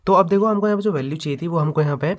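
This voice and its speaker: A man's voice: on the high side, rapid-fire. A man teaching a physics problem step by step while he writes, often checking that the students follow. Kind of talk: step-by-step math lesson over handwritten notes.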